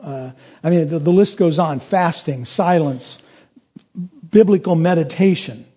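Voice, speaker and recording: A man in the pulpit delivering a sermon, his voice fairly high for a man. The tone is mellow and a little husky. He preaches earnestly and swells into emphatic high points. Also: measured pace. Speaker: pastor.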